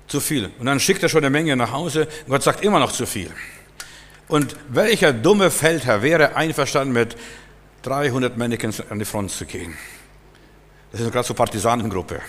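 A man's voice: mid-range voice, a bit bright, a little hiss or hum. A man preaching a sermon emphatically, acting out Bible scenes in different voices. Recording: long hall reverb.

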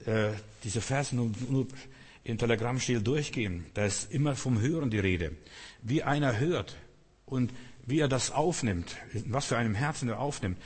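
A man's voice: medium pitch, husky. A man preaching a sermon in an earnest, direct way, asking the listeners rhetorical questions. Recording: long reverb of a large hall.

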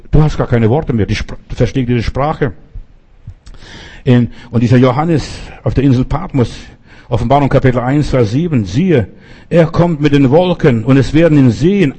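Emphatic preacher with a dark husky voice. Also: male voice, fairly high pitch. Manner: emphatic, repeats words for stress. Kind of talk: sermon.

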